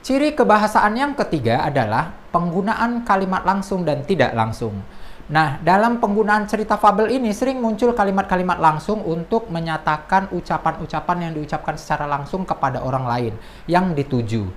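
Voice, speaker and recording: A woman's voice: fairly low pitch, lively intonation, a little fast, a little hiss or hum. A woman teacher explaining a lesson in an explanatory way, sometimes reading quoted lines in a raised voice. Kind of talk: classroom lesson.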